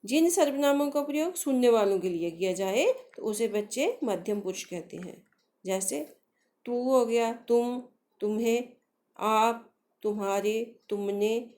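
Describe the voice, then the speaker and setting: Slow, patient woman teaching grammar. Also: a little high, a little mellow. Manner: slow, patient, asks questions and answers them herself; addresses pupils affectionately. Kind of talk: Hindi grammar lesson for children.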